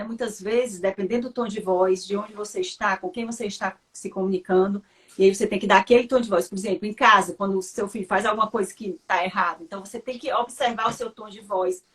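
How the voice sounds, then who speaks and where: A woman, explaining things in casual talk and agreeing often. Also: mid-range voice. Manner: explanatory, affirming with short agreements. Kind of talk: casual conversation.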